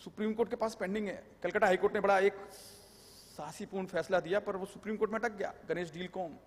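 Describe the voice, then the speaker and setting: A man's voice: sits high, fairly even intonation, fast. A man giving a live lecture on tax law, explaining with jokes and anecdotes and mixing in English terms. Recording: long hall reverb.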